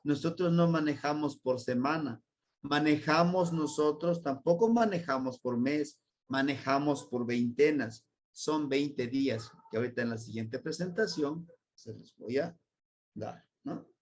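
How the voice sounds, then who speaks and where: Speaking at a measured pace with a fairly high pitch, a man from Mexico with a Mexican Spanish accent leads a language class. He explains slowly, patiently spelling out sounds and words.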